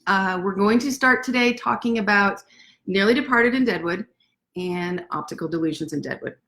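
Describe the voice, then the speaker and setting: A woman author hosting a casual livestream from her desk, chatty and self-deprecating, talking fast. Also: medium pitch, fairly bright tone. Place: at a desk indoors.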